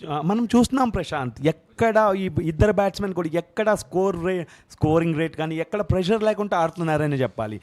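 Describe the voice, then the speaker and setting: Fast-talking Indian man, excited cricket commentary. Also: high voice. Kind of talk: live cricket commentary mixing Telugu and English.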